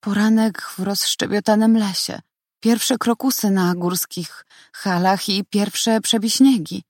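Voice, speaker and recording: A young woman narrating an audiobook story in the first person, in a calm and measured way. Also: medium pitch, dry recording, clean studio sound.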